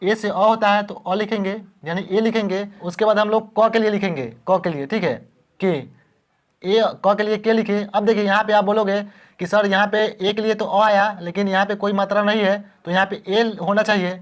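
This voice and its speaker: A man's voice: sits high, fairly even intonation, a little fast. A man teaching beginners how to spell words, patiently repeating each word and asking the class questions.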